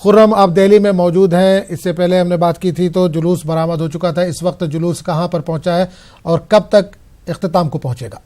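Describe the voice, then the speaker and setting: A man presenting the news in a measured, formal way, handing over to a field reporter. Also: high voice, fairly even intonation, warm tone. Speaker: news anchor.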